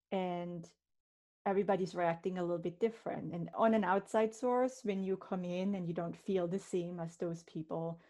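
A woman's voice: fairly low pitch, a little mellow. A woman from Switzerland hosting a podcast, telling stories in an earnest, reflective way. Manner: earnest, reflective storytelling with restarts. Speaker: podcast host, medium. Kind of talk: casual podcast talk.

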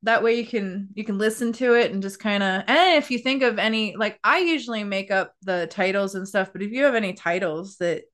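A woman from Maryland hosting a podcast, chatting casually and warmly over a video call, often restarting her sentences. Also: mid-range voice. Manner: chatty, friendly, with halting restarts. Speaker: podcast host. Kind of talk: casual chat.

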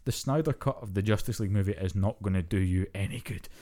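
This young co-host's voice sits low and moves fast. Chatting casually on the podcast, he gets worked up and rants, cursing liberally.

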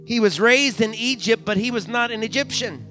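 At normal speed and over soft background music, a male pastor from the United States with a high, bright voice preaches a live sermon in a church sanctuary. He repeats phrases, calls out to the congregation, and throws in many hallelujahs on his way to raised climaxes.

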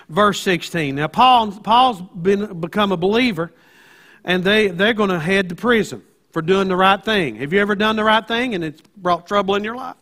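A man's voice: high-pitched, a bit bright. A man with an Appalachian accent preaching a sermon as a pastor, in a folksy storytelling manner, often checking in with his listeners.

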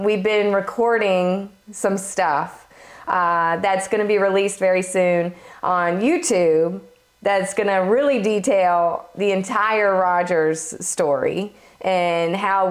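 Woman hosting a chatty podcast, voice kinda hoarse from a cold, room sounds echoey. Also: fairly low pitch. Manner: chatty, laughs often. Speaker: podcast host. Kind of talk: casual podcast chat. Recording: roomy echo.

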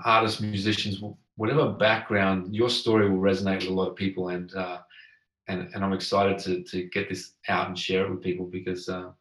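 A man hosting a conversational podcast interview in an earnest, halting manner. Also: low-pitched. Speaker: podcast host. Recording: roomy echo.

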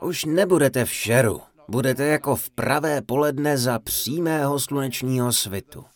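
A man giving a humorous dharma talk, telling a funny story in an animated, playful way. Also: medium pitch. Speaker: Czech voice-over of a Buddhist teacher's talk.

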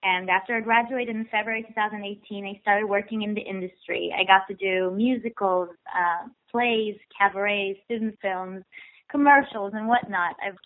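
A young woman speaks over a telephone line, her voice thin and tinny with the low and high ends cut away. She is a guest being interviewed, eager and gushing, doubling words for emphasis as she talks at a middle pitch. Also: moderate pace. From Israel. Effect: heard over a telephone line. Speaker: guest actress. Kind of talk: phone interview.

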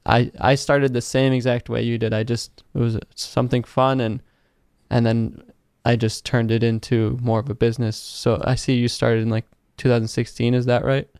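A man hosting an interview, speaking in a relaxed, thoughtful way with frequent fillers. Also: mid-range voice, normal speed, clean tone, no room sound, clean studio sound. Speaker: interview host. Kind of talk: casual interview chat.

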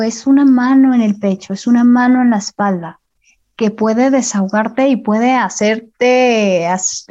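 Guest, woman, gentle and encouraging, warm voice, muffled lo-fi sound. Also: a little high. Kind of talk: casual conversation. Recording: dull lo-fi sound.

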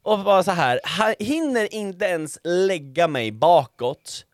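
A man telling a comic story with a lot of swearing and some English thrown in. His voice sits a little high and swings widely up and down. The sound is close and dry. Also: animated, no room sound. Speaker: podcast co-host.

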